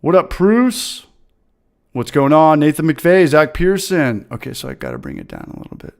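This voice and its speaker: An upbeat man hosts a casual live stream, chatting loosely and greeting viewers one after another. His voice comes through smooth and clear. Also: a little high, huge pitch swings, normal speed, darkish tone. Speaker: livestream host.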